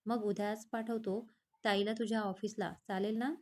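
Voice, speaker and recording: A woman's voice: medium pitch, level tone, normal speed, a little mellow, natural voice. A woman voicing a chatty young man who teases his friend, in a read-aloud storybook. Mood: earnest. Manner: teasing, chatty. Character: young man, lovestruck, pushy, joking friend.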